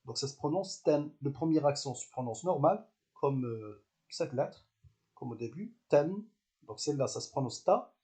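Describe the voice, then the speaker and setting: A man teaching a language lesson, explaining step by step with patience, repeating syllables slowly and pausing with hesitant fillers. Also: mid-range voice, animated, dark tone.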